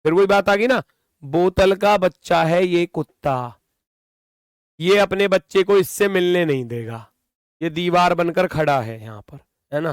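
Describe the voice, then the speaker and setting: Man with a high voice, smooth and clear, dry close sound, online class teacher, repeats every step. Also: no echo. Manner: scolding, repetitive explaining.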